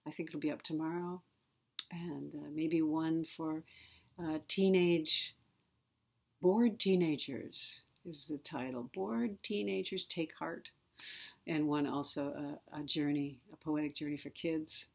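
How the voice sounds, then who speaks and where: A woman hosting a poetry show, reading children's poems aloud in a soft, unhurried way, sometimes drifting into a whisper. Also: sits low, creaky.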